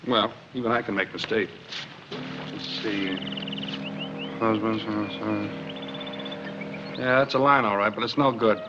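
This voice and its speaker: An actor playing a wry, easygoing theatre director and husband, from a 1940s film soundtrack. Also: male voice, lowish voice, fairly even intonation, measured pace, long pauses, music in the background, close to an everyday voice. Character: theatre director and husband, young adult man. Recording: dull 1940s film soundtrack with faint hiss.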